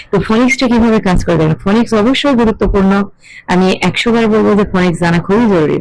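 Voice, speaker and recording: A middle-aged woman, explaining an English lesson in a measured, questioning way. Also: medium pitch, darkish tone, dry recording, poor audio. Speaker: English teacher.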